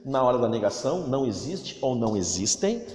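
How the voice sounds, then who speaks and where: Brazilian male teacher, lively and explanatory, recorded remote lesson in a reverberant room. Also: medium pitch, a little hiss or hum. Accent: Brazilian Portuguese. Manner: explains slowly, stretching English words to model pronunciation. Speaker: English teacher. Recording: echoey room with long reverb.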